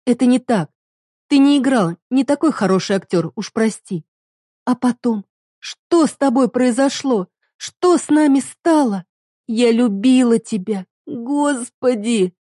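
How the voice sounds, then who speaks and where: Woman doing a tearful screaming young wife, high and loud, mellow tone, dry sound. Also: expressive, unhurried, no echo. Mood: anguished shouting. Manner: shouting, bitter, tearful.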